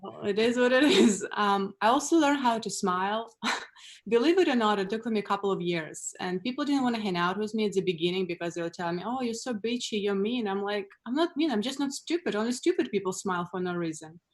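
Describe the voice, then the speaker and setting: A woman from Russia with a Russian accent, doing a stand-up set over a video call in a deadpan, blunt way, laughing at her own jokes. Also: mid-range voice, fast talker. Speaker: stand-up comedian.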